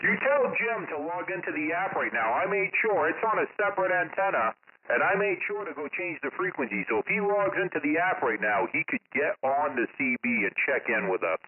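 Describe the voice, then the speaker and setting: A man's voice: fairly high pitch, big pitch swings, brisk, breathy edge. A man chatting casually and saltily over CB radio, as an operator helping with check-ins. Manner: salty, swearing. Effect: CB radio transmission. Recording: narrow tinny radio audio, light static.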